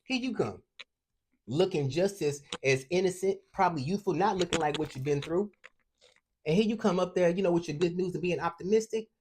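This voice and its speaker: A man's voice: on the high side, darkish tone. A man reading tarot cards for a collective audience, talking in a streetwise, profane and fired-up way. He sometimes runs short of breath as he gets worked up. A faint hiss sits under his voice. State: out of breath at times. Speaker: tarot reader.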